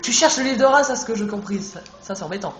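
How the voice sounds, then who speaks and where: Brief: cartoon bazaar keeper, a man reading the lines, plain and high. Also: fast talker, a bit bright. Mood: welcoming. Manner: reads dialogue aloud plainly. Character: old cartoon bazaar shopkeeper. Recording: echoey room, music behind.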